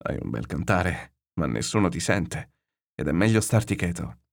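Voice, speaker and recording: A hot-headed young fisherman, as a narrator puts him on, blunt and cursing under strain. Strong and restless, with a lowish male voice, read aloud as a storybook. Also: fast, close to an everyday voice. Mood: blunt, agitated.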